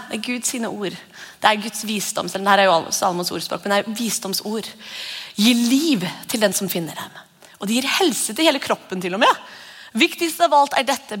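A woman's voice: medium pitch, a bit bright, breathy edge. A woman pastor giving a conversational sermon and acting out whispered voices. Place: church hall. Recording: long church reverb.

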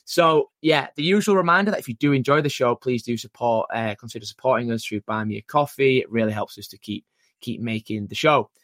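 A man hosting a podcast interview, talking in a relaxed, chatty way with many fillers. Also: medium pitch, fairly quick, no room sound, clean studio sound. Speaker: podcast host.

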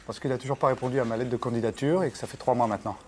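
Un acteur joue un homme sans emploi en colère qui débarque dans un bureau, menaçant et grossier. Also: male voice, medium pitch, fairly even intonation, very fast, a little mellow, a little hiss or hum, close to an everyday voice. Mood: insistent. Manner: threatening, crude. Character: angry jobless man storming an office. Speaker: job seeker.

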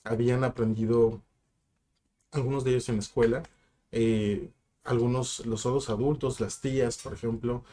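A man's voice: medium pitch, steady tone, normal speed, dark tone. Reflective man telling stories. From Mexico. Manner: reflective storyteller, drops in asides and fillers. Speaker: sign language interpreter and school director, guest. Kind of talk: casual podcast interview.

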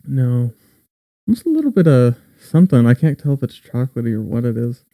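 A man's voice: medium pitch, very animated, brisk, mellow, no room sound. A young man hosting a podcast, chatting easily and describing flavors in an easygoing way. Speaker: podcast host. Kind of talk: casual tasting chat and scripted intro.

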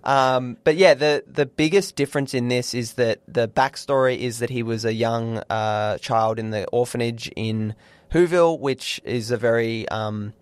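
A man's voice: mid-range voice, normal speed, smooth, no echo. A man co-hosting a film review podcast, chatting casually with many restarts and playful quoted voices. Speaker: podcast co-host.

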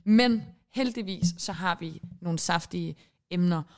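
A woman's voice: lowish voice, darkish tone. Giggly rambling Danish podcast woman. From Denmark. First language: Icelandic. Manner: giggly, rambling, self-mocking. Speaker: podcast co-host. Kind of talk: casual chat.

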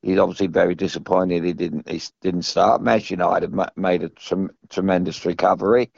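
Older British male pundit, very deep and gravelly, halting casual talk, dull dry recording. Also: fairly even intonation, darkish tone, no echo. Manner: halting, repeats and restarts phrases. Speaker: former professional footballer, pundit. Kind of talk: casual football discussion.

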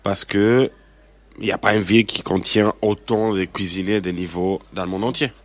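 Man, low pitch, emphatic, opinionated, hesitant, radio interview guest. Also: fairly even intonation, moderate pace. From Sardinia, Italy.

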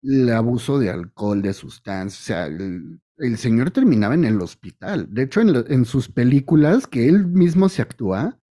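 A man's voice: medium pitch, sing-song, moderate pace, warm tone. A man with a Mexican accent co-hosting a podcast, laying out his opinions at length in casual chat. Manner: opinionated, makes points at length. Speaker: podcast co-host.

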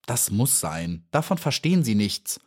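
A man's voice: big pitch swings, measured pace, a little mellow, slightly rough, full character voice. A man voicing a cheeky, boastful little female housefly in a storybook reading, cocky and dismissive. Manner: cocky and dismissive, then shrill and pleading.

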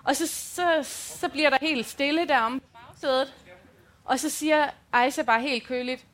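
A high-pitched woman co-hosts a live podcast, telling family stories in a chatty way. Her talk is loose and full of filler words. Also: a bit bright. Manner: chatty anecdotal storytelling with many fillers. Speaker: podcast co-host.

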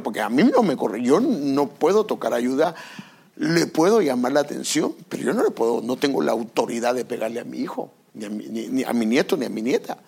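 An older man preaching a sermon as pastor, animated and acting out parents and children in little scenes. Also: mid-range voice, creaky, husky.

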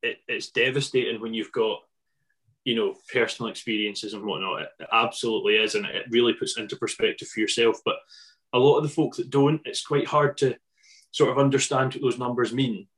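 A man's voice: medium pitch, fairly quick, a bit bright. A man hosting a podcast casually, talking in a rambling, hesitant and self-deprecating way. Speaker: podcast host.

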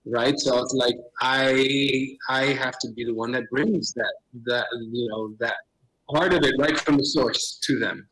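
A middle-aged theater director from Miami, United States, appears as a podcast guest in a casual interview, restarting often, using lots of fillers, and sprinkling in Spanish phrases. His mid-range, slightly bright voice keeps a measured pace, and the audio quality is poor.

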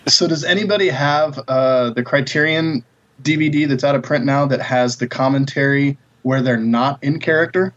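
A man's voice: mid-range voice, moderate pace, fairly bright tone, lo-fi sound. A man with a mid-range voice, sharing trivia and tour anecdotes in an easygoing podcast conversation. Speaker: touring musician. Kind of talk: casual podcast chat.

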